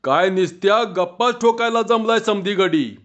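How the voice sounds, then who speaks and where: A bossy village troublemaker barks at the crowd in coarse rustic speech, voiced by a man. His voice sits fairly high and shouty. The recording is muffled and lo-fi. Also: moderate pace, close to an everyday voice. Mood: angry shouting. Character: gruff angry village busybody man. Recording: dull lo-fi recording.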